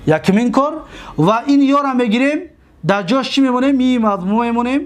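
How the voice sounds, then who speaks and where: Tajik-accented male teacher, high-pitched voice, drills his class with repeated terms and quick questions. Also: animated. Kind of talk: classroom lecture.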